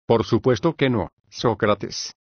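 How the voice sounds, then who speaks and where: A man's voice: mid-range voice, slow pace, slightly rough, no room sound, highs cut off. A male reader voicing Menón, a young disciple who gives short, plain replies in a scripted audiobook. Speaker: dialogue character in an audiobook.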